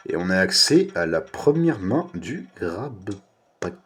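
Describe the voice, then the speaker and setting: A young man with a French accent giving playful, excitable commentary while playing a horror game. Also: low voice, slow, a little hiss or hum. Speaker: gaming youtuber. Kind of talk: casual horror game let's play commentary.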